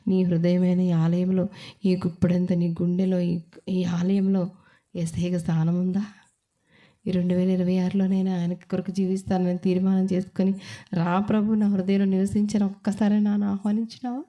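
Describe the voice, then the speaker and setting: A woman's voice: on the low side, level tone, normal speed, dark tone, lo-fi sound. A woman with a Telugu accent leads a women's church meeting. She preaches fervently and emotionally, throwing questions out to the listeners and pressing them to answer back. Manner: fervent, call-and-response, asks the audience to answer. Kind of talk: emotional sermon.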